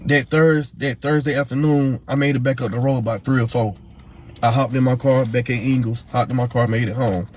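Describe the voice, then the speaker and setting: In a steady, medium-pitched voice with a slightly mellow quality, a father recounts hunting for his missing daughter's mother. His casual story comes out fast and heated, full of repeats and filler words, over a bit of hiss or hum.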